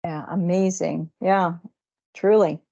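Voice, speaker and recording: A woman's voice: lowish voice, steady tone, slow, vocal fry, dark tone, highs cut off. A woman interviewing a colleague in an upbeat, encouraging way, with some hesitant fillers. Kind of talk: casual interview conversation.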